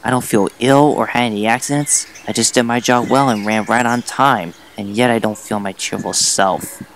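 A man voicing a friendly young male tank engine who talks softly and sighs. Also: medium pitch, steady tone, moderate pace, slight background noise, close to an everyday voice. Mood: glum. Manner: sighing, soft and downcast.

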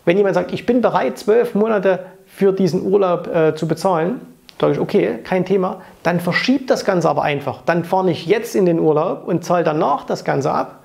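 With a high voice, vocal fry and a darkish tone, a man in his thirties speaks at a moderate pace. He's a finance coach and channel host giving blunt, opinionated money advice directly to camera from an indoor office decorated with framed pictures. The talk is casual, recorded on a lapel mic, full of fillers and tag questions.

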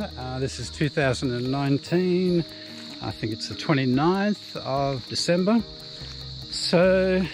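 Australian man, laid-back campsite tour, slow easy delivery, outdoor action-cam sound with music bed. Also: on the high side. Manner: relaxed, plain-spoken, unhurried tour guide. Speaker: camping vlogger. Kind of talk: casual walk-through narration. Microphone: handheld action camera.

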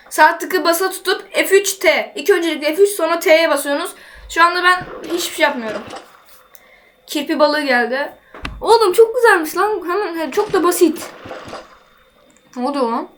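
A woman's voice: high voice, fairly bright tone. A woman giving casual gameplay commentary, chatting to herself and her viewers while she builds. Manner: chatty, talks to herself while playing, quick exclamations. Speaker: gaming channel host.

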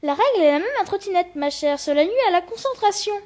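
A student reading the parts of several fairy-tale figures in a school storybook, speaking politely and loftily. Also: female voice, very high-pitched, animated, fast, a little mellow. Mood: lofty. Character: various tale figures: Cinderella, a nightingale, Tom Thumb.

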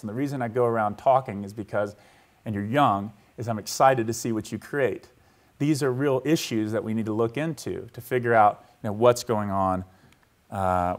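Male history lecturer, casual and storytelling, speaks to a live audience in a lecture hall and checks in often. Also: mid-range voice. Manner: conversational, keeps checking in with the audience; storytelling, asks listeners to picture a scene.

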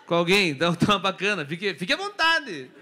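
A man from Brazil doing stand-up crowd work, teasing the audience loudly on a comedy club stage. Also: high-pitched, big pitch swings, a little fast. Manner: teasing, loud, jokey banter with the audience.

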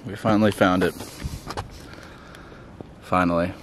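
A man's voice: low voice, steady tone, unhurried, noisy background. A young man vlogging casually outdoors after a hike, out of breath, laid-back and rambling. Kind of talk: casual vlog talk to camera. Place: outdoors on a hiking trail.

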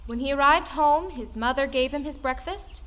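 Over background music, an actress performs as a female storyteller, giving scripted, dramatic narration of an old folktale in an audio play. Her voice sits high with a fairly bright tone, and she speaks at a normal speed in a storytelling mood.

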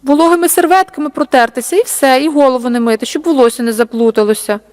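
A woman voicing a small, frightened camp girl who talks in a tearful, halting way. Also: high voice, a little mellow, big-room sound, voice pushed up, lightly acted.

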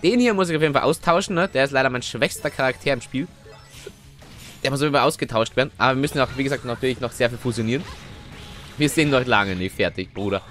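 A young man giving chatty, excitable let's play commentary, often tagging his sentences with little questions. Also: medium pitch. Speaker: gaming video host. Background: faint game music.

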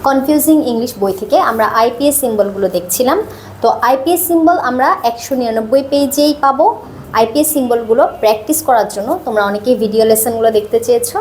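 A woman teaching a video lesson, speaking slowly and repeating sounds drill-style. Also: a little high, a little mellow, roomy sound, a little hiss or hum. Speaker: English teacher.

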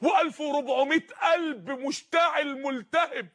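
A man with an Egyptian Arabic accent preaching an impassioned sermon, repeating phrases and at times shouting. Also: extremely high pitch, normal speed.

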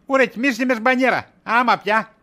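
A weary shopkeeper husband, as a man acts him out, high-pitched and bright, brushing off accusations with sarcasm. He sounds worn out and exasperated throughout the comic scene. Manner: exasperated, dodging, wisecracking. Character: tired, evasive shopkeeper husband, middle-aged. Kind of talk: comedy sketch acting.

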